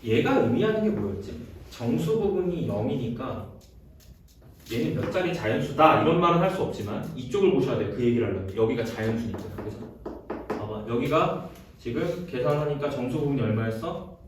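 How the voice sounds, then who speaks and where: A male math teacher lectures in a lively, rising-and-falling voice, stopping every few lines to ask students if they follow. He sounds distant from the mic, and the classroom echo is heavy. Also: mid-range voice, brisk. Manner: checks in constantly with short questions, mixes casual and polite speech. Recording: roomy, distant classroom recording with faint noise.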